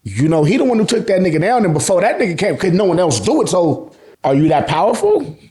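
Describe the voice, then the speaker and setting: This American anime and manga channel host has a high voice and a quick pace. His recap is loose and comedic, loaded with slang and profanity, and he animatedly performs the characters' dialogue.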